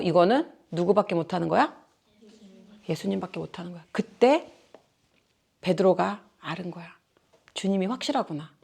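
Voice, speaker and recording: A woman preaching a casual Sunday sermon, often asking her listeners questions in plain everyday speech. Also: mid-range voice. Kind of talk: casual sermon to children and youth.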